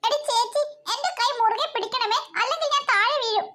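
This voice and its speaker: A woman's voice: very high-pitched, brisk, very noisy. A woman voicing a timid little girl in a cartoon who whines and pleads. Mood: scared, whiny. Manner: whining, pleading. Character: timid whiny little girl, afraid of escalators. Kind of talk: cartoon voice acting.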